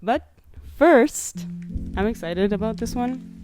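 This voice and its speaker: A woman's voice: lowish voice, measured pace, over music. A young woman hosting a podcast, chatting casually with lots of likes and ums. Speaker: podcast host. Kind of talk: casual chat.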